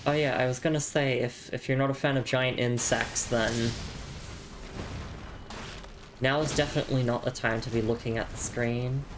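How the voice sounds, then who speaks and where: A woman's voice: rumbling low, steady tone, normal speed, long pauses. Woman gamer streaming while sick, casual and giggly, reading chat aloud, faint background hiss. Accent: non-standard English accent. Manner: chatty, giggly, reads chat and in-game messages aloud. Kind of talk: casual live gameplay chat.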